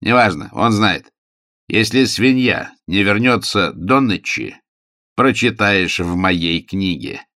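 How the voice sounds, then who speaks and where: A man voicing a brash, forceful aristocrat who talks loudly and theatrically in an audiobook. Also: lowish voice, expressive, slow, dry recording, studio quality, exaggerated voice. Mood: grandly threatening. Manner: loud commanding theatrical.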